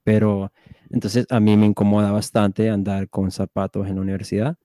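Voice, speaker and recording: A young man, chatting casually on a podcast. His voice sits fairly low and mellow, and he laughs here and there as he tells his story. The sound is dry and close. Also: level tone, moderate pace, dry recording. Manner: storytelling, laughs while talking. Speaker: podcast co-host. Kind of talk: casual chat.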